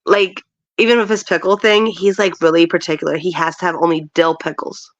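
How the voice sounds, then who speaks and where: A woman's voice: fairly low pitch, fairly even intonation, a little fast, no echo, highs cut off. A woman from Chile, a stepmother of a big household, chatting casually, laughing and rambling as she tells stories. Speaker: guest, stepmother of a large household. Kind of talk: casual chat.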